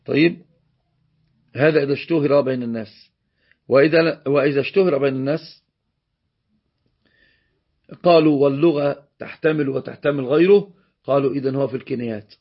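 A man's voice: mid-range voice, a little fast, long pauses, husky, muffled recording. A man with an Egyptian accent teaching a religious law lesson, explaining a text and repeating key phrases for emphasis. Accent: Egyptian Arabic.

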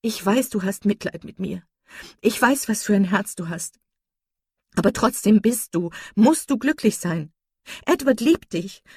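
A woman's voice: medium pitch, expressive, unhurried, dark tone, breathy edge, no echo, clean studio sound, pitched above the performer's own voice. A woman reading an audiobook and voicing a distraught young woman, pleading and desperate. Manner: desperate, pleading, sobbing outbursts.

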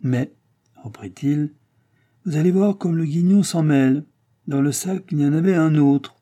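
A man reading an audiobook and voicing a smooth-talking, menacing male villain with falsely genial politeness. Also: on the high side, moderate pace, warm tone, pitched above the performer's own voice, close to an everyday voice. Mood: mock-polite.

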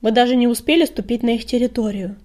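A woman's voice: a little high, quick pace, natural voice. Woman doing a snarling warrior tomcat. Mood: angry. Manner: loud, snarling, forceful. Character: fierce, hot-tempered male warrior cat.

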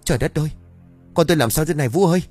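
A man voicing a frantic father who talks in an urgent, commanding way and shouts. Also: lowish voice, quick pace, soft background music, close to an everyday voice. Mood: anguished. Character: frantic father searching for his son.

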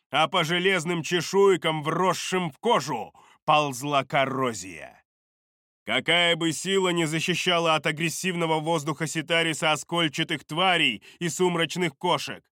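A man narrating a dark fantasy audiobook in a measured, deliberate way on a close studio mic. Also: a little high, clear, resonant tone, no room sound.

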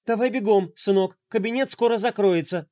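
A man doing a calm mother's voice. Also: high-pitched, moderate pace, no echo, studio quality, voice pushed up, lightly acted. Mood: hurrying. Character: calm mother calling from another room.

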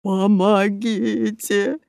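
A woman voicing a sulky, bearded male art thief in a children's audiobook, talking slowly and grumbling. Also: deep voice, creaky, mellow, a little hiss or hum, heavily acted. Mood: pleading.

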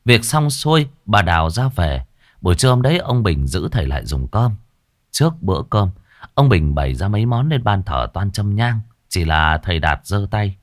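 A man narrating a ghost story in a dramatic, expressive way. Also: lowish voice, normal speed, no room sound, clean studio sound.

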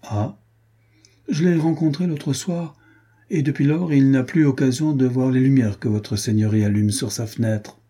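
A man voicing a calm, cold young nobleman swordsman, in a husky voice pitched above his own. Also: normal speed, lightly acted. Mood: cool.

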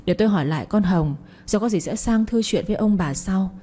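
A woman voicing an older father who is ashamed of his daughter, taking a lower voice. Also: fast talker, dark tone, husky, natural voice. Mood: pleading. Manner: begging neighbor, then bellowing at daughter. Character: ashamed older father, pleading then raging.

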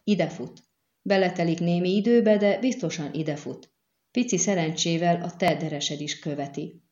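A woman reading the part of a wounded young man, cool and teasing, in a quiet, low-key delivery. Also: close to an everyday voice. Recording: echoey, dull lo-fi recording.

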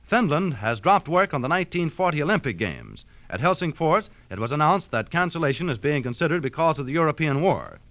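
A man reading a 1939 radio sports report in a brisk, conversational way. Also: on the high side, big pitch swings, fairly bright tone, no echo. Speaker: sports announcer.

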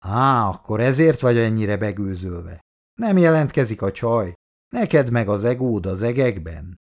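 A man voicing a jovial army lieutenant who teases his friend loudly and heartily in an audiobook. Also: fairly low pitch, lively intonation. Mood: teasing. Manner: loud, mocking, hearty. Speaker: platoon lieutenant.

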